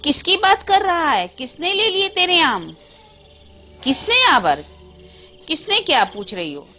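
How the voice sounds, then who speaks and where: A woman playing a shrill, frantic old mother. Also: slow pace, fairly bright tone, faint music behind. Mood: alarmed. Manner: shrill, alarmed scolding.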